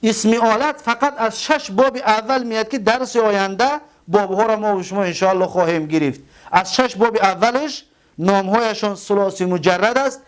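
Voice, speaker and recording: A man with a Tajik accent teaching a grammar lesson. He goes slowly, repeats words and spells them out letter by letter. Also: sits high, clean tone.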